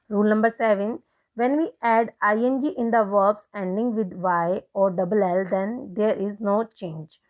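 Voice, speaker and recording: A woman with an Indian accent teaching an English spelling lesson online, explaining in Hindi and English and spelling out words letter by letter. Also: mid-range voice. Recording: dull lo-fi recording.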